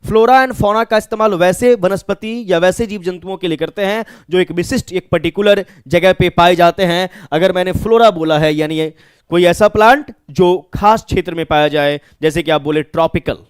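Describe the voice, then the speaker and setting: A man with a Bihari accent teaches an exam-prep vocabulary lesson in a high voice. He works through each word by asking his own questions and answering them. The sound is close and dry. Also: moderate pace, clear, resonant tone, no echo.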